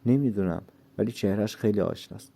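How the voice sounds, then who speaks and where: A friendly middle-aged father from a storybook, read by a man. He talks in a warm, delighted way. The voice is low, gravelly and dark.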